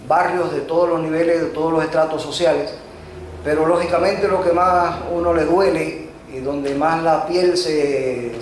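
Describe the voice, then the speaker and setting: A man with a Chilean accent preaching a sermon to his congregation, hesitant, with frequent filler sounds and repeated words, calling them brothers. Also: a little high. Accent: Chilean Spanish. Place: church. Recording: echoey church hall with faint noise.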